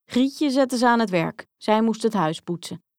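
A woman calmly reading a fairy tale aloud. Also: on the high side, measured pace, no echo, clean studio sound. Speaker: storyteller.

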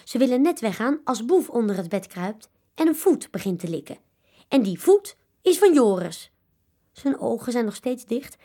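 A woman reading a children's story aloud, expressive and animated. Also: a little high, normal speed.

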